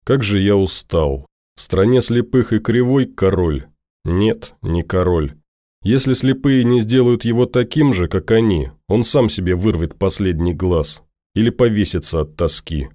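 A man's voice: fairly low pitch, expressive, a little slow, mellow, no echo, studio quality. A man as a weary, grim deserter. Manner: tired, curt, bitter.

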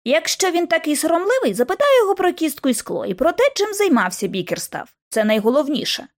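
An eager, curious young male researcher speaks plainly and matter-of-factly in a storybook audiobook, as a woman reads him. The voice is high and lively in its melody. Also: fast.

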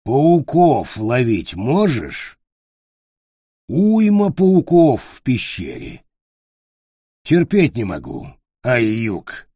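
A man voicing a gruff, dim male forest dwarf who speaks slowly and haltingly, in broken phrases, as if words were foreign to him. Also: mid-range voice, huge pitch swings, warm tone, dry recording, clean studio sound, exaggerated voice. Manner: slow halting broken speech.

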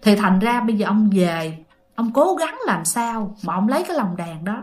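A woman's voice: mid-range voice, big pitch swings, moderate pace, a little mellow. A woman telling a ghost story in a chatty, casual way, speaking to her listeners and repeating herself.

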